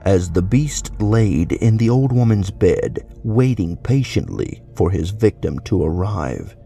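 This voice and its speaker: A man reads a horror story in a very deep, dark voice, full of gravel. He tells it slowly and broodingly, with a scripted storyteller's pace.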